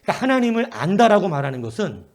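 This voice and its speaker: A middle-aged male pastor preaching a prayer-meeting sermon, telling stories in an animated way and swinging between emphatic bursts and low asides. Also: very fast.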